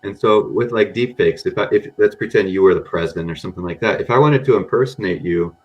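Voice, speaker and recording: A man guesting on a data podcast rambles casually in a mixed American accent, often saying "you know" and "um." He grew up in Japan among Americans. His voice is fairly low and quick, and the audio sounds dull.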